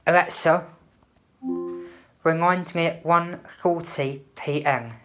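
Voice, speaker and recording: Soft background music accompanies a woman whose low, fairly bright voice keeps a measured pace and fairly even intonation. In a casual unboxing chat, she hesitantly walks through the product step by step, with faint noise and clicks in the recording.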